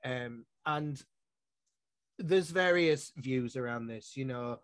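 This Yorkshire-born poet and publisher takes it slowly in an interview, his medium-pitched voice fairly bright and his Yorkshire accent clear. He rambles thoughtfully and restarts often, with no echo in the recording.

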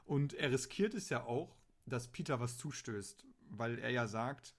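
A man talking in a loose, rambling way, filling his sentences with ums and ahs. He chats casually about a radio play. Now and then he slips into quick acted quotes. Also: medium pitch. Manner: rambling, many fillers, acts out quotes. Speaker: podcast co-host.

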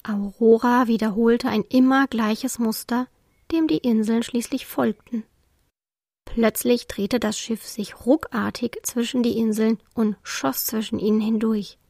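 Female storybook narrator, higher pitch, dry close sound, calm and expressive. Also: measured pace, no echo. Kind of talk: storybook reading for children.

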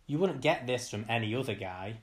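A man's voice: mid-range voice, expressive, fairly quick. Man hosting a quiz. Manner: upbeat, reads questions twice. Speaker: quiz host.

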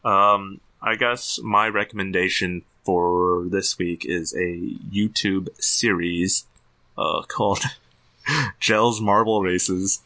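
A man's voice: sits low, fairly even intonation, takes it slowly, sharp tone. A young man co-hosting a podcast, chatting casually and chuckling often. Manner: laid-back, chuckles often. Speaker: podcast co-host. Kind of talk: casual chat.

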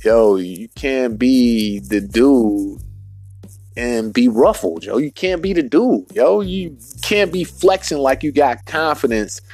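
A man hosting a solo podcast rant, profane and emphatic, in street slang, repeating his points and spelling words out slowly. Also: mid-range voice, lively intonation, a little mellow, soft background music. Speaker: podcast host.

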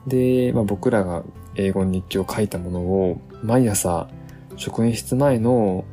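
Low-voiced man, relaxed solo podcast talk. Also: measured pace, soft background music. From Japan. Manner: relaxed, reflective, many fillers. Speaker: podcast host.

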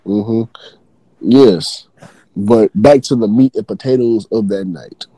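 Animated man telling a story. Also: on the low side, slow pace, dry recording. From Texas. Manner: loose, profane, animated. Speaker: podcast guest telling a work story. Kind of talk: casual storytelling chat.

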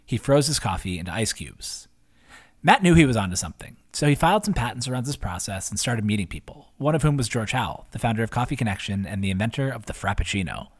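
A man's voice: fairly low pitch, expressive, quick pace, slightly rough. A man narrating his own written post aloud in an upbeat, conversational reading voice, adding casual asides. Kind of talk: read-aloud essay narration.

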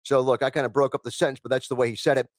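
A man's voice: medium pitch, flat delivery, very fast, no room sound. A man hosting a live talk radio show, reading news items aloud and rambling with lots of fillers. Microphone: studio microphone.

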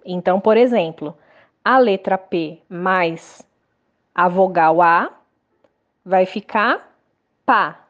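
A woman teacher, speaking slowly and patiently to young children in a lesson podcast. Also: on the low side, dull audio. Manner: slow, patient, sing-song explaining to young children.

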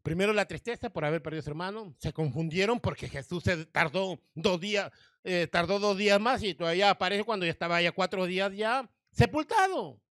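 A man's voice: high-pitched, brisk, a bit bright, no echo, clean studio sound. A male pastor preaching a sermon, reading scripture verses and asking the congregation rhetorical questions.

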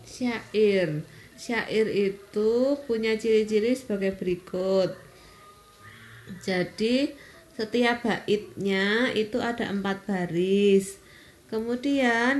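A woman, patiently explaining step by step with pauses in an informal interview. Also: mid-range voice, roomy sound. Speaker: interviewed mother explaining a school lesson.

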